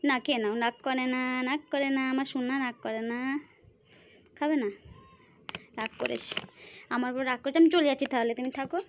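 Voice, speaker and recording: Woman, high voice, pet baby talk, repetitive and coaxing, background noise. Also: brisk, long pauses. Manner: coaxing, sing-song baby talk with repeated words. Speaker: pet owner filming her pet.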